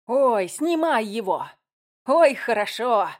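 A woman's voice: a little high, lively intonation, slow pace, pitched above the performer's own voice. A woman reading an audiobook, voicing a bossy female TV director who barks commands. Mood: barking orders. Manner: barking commands.

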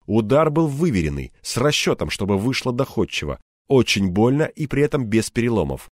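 Male narrator, audiobook reading, measured and expressive, lively pitch, dry close recording. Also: dry recording. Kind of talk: scripted narration.

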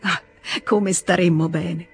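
A reader voicing an earnest, calm man reasoning with his brother in an Italian audiobook reading. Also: mid-range voice, slow, soft background music.

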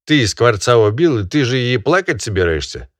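A man voicing a pompous country gentleman who lectures a peasant in a drawn-out, sanctimonious way. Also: medium pitch, very animated, no room sound, voice pushed up, natural voice. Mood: sanctimonious lecturing.

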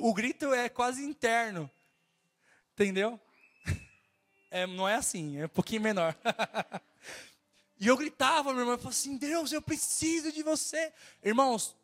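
Fervent nasal Brazilian preacher, high voice. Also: male voice, a bit bright. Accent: Brazilian Portuguese. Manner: fervent, exhorting, keeps repeating "my brother". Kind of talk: sermon.

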